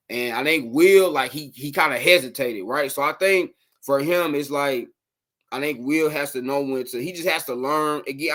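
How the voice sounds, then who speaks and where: A man hosts a casual late-night sports podcast livestream, rambling animatedly as he talks to his viewers. His voice is fairly high in pitch.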